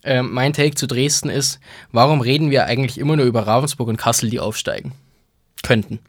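Male podcast host, lilt, chatty and quick to laugh, dry close mic. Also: medium pitch, no room sound. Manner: laughs often, tells stories with mimicked voices. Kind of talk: casual chat about ice hockey.

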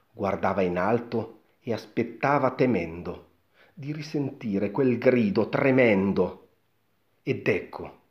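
Slow, theatrical male storyteller. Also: fairly low pitch. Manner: theatrical, lingering delivery. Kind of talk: expressive rhyming story reading. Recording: dull lo-fi recording.

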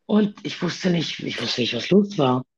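A woman talking haltingly about her own past in a personal conversation, with many pauses and fillers. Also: low-pitched, animated, slightly rough, muffled recording.

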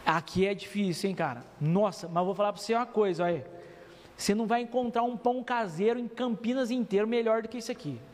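A man from Brazil, preaching a sermon as pastor, telling lively stories and acting out the voices in them. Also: sits high, fast. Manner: lively storytelling preacher, acts out quoted voices. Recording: long church hall reverb.

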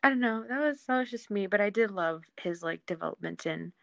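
A young woman hosts a podcast, steering a casual TV discussion in a slangy, agreeable, informal way. Her mid-range voice is expressive, a bit bright, creaky, and fairly quick. The studio-quality audio has no echo.

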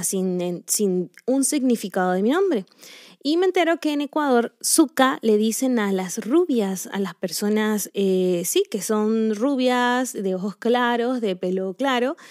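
A woman from Latin America hosting a podcast, telling personal anecdotes in a lively, playful way and acting out the lines she quotes. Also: on the high side, dry recording, studio quality. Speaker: podcast host. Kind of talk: personal storytelling monologue. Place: Spain, living there now.

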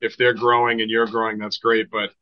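A man's voice: lowish voice, completely flat delivery, a little fast, muffled recording. A man from Boston with a Boston accent, a Reiki healer talking casually and enthusiastically as a podcast guest. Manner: enthusiastic, chatty, restarts often. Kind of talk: casual conversation.

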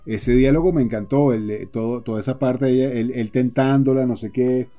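A man's voice: mid-range voice, fairly even intonation, fairly quick, mellow, soft background music. A man with a Venezuelan Spanish accent, co-hosting in casual chat and agreeing with the other speaker.

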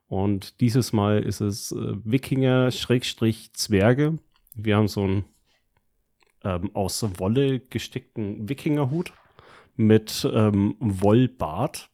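A podcast co-host tells stories about his week in casual, slangy German. His voice is on the low side, slow and mellow, and his speech is colloquial.

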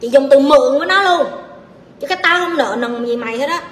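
A woman with a Southern Vietnamese accent answering audience questions in a live Q&A, blunt, forceful and scolding. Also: high voice, fast. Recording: echoey hall, faint ambience.

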